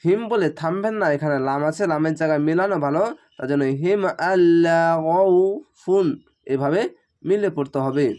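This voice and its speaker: A man teaching Quran reading, spelling each letter and vowel aloud, then chanting the whole word slowly. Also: a little high, darkish tone.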